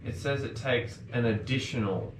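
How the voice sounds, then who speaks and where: A man's voice: medium pitch, moderate pace. A man, playing a tabletop game and reading out rules with frequent hesitations. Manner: hesitant, lots of ums, reads rules aloud. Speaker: player. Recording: echoey room with noise.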